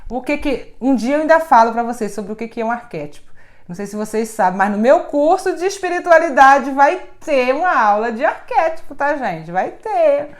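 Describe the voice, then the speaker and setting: A woman with a fairly high voice teaches spirituality on a casual live stream, recorded on a phone. She chats loosely, laughs often and keeps calling out to her viewers by name. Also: lively intonation, normal speed.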